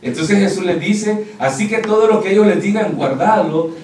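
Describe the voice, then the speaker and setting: A man's voice: high voice, moderate pace, a little mellow, slight background noise. A man preaching a sermon, asking the congregation rhetorical questions and calling them brother. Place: church hall. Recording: roomy church recording from a distance.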